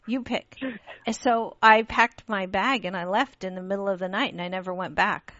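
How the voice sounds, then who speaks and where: A woman from Pakistan hosting a radio interview, telling stories in an animated way with frequent restarts. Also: medium pitch, moderate pace, no room sound. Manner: animated storytelling with laughs and restarts. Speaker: radio show host. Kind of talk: casual interview chat. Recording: dull lo-fi radio audio.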